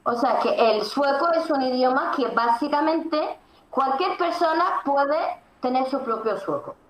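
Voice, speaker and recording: A woman as an interview guest, explaining emphatically and often pausing on fillers. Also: high-pitched. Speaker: interview guest, Swedish teacher. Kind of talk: conversational explanation. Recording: echoey room, faint background noise.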